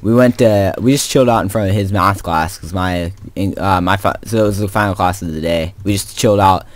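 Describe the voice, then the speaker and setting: A teenage boy with a fairly low voice tells a long, rambling story while he plays a game. He speaks casually, with many fillers and restarts, and mutters quiet asides to the game. The sound is dry and close, with no room around it. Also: a little fast, dry recording. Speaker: gamer telling a story. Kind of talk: casual storytime over gameplay commentary.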